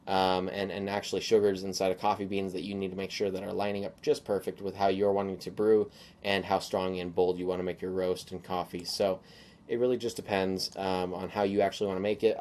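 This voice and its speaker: A young man hosts a solo podcast, rambling casually with plenty of fillers and restarts. His voice is low and darkish, and a sore throat leaves it a little hoarse.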